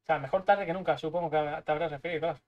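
A young man from Spain with a Spanish accent, giving live gameplay commentary, excitable and swearing, muttering to himself as he plays. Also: fairly high pitch, rapid-fire, dull audio. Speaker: streamer.

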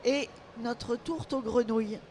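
Older lady from lorraine, higher voice, proud of her old family recipes, handheld mic at a fair stand, faint hum behind. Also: slow pace, a little mellow. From Lorraine, France. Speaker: baker and caterer, retired owner. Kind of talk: casual interview at a trade fair. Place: trade fair stage, indoors.

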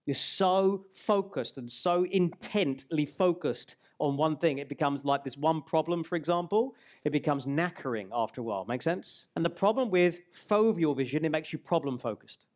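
Man, forties, live seminar speaker, somewhat high pitch, audience exercise, headset mic. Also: animated, a little mellow. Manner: guides the audience through an exercise, slowing on key words. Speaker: speaker and trainer. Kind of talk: live stage seminar talk. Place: large hall stage.

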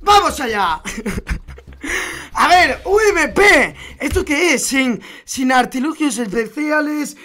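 Excited and very high-voiced, a young gaming YouTuber from Spain narrates his gameplay in an unhurried way with hardly any pauses. Loud outbursts and swearing punctuate his commentary.

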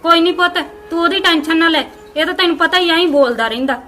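A kind mother and wife speaks in a Punjabi accent, played by a woman. Her voice is high and quick. Music plays under her. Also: pushed and bright. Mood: soothing. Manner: soothing, chiding.

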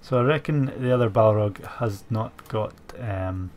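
A gaming channel host, nose blocked by a cold, thinks aloud while playing a strategy game, his commentary full of fillers and backed by keyboard clatter. His lowish voice is a little slow and a little mellow.

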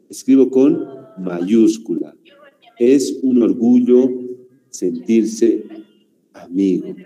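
A man's voice: medium pitch, mellow, big-room sound, rough recording. A man with a Bolivian Spanish accent teaching an online grammar lesson, explaining step by step and checking in with his students after every point. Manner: slow explaining teacher, asks rhetorical questions ending in ¿no?.

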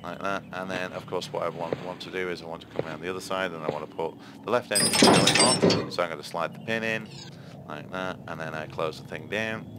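A man's voice: low voice, fairly even intonation, a little fast, very noisy. A man giving chatty gameplay commentary, explaining each step and checking in with "yeah?" asides. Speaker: game reviewer.

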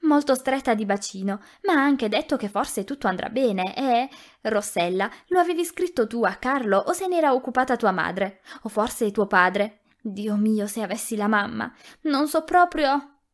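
A woman reading an audiobook, voicing a gentle, tactful young woman who speaks softly and a little breathlessly. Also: fairly high pitch, animated, moderate pace, close to an everyday voice. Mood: anxious. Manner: soft, eager, slightly breathless. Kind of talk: audiobook character voice.

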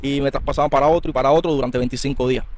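A Cuban man with a Cuban accent, an interviewee earnestly recounting his own experience in a quick, tumbling way. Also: medium pitch, fairly even intonation, noisy background. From Cuba. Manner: earnest, quick, tumbling narration with small restarts. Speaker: interviewee, former political prisoner. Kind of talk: recounting a personal story in an interview.

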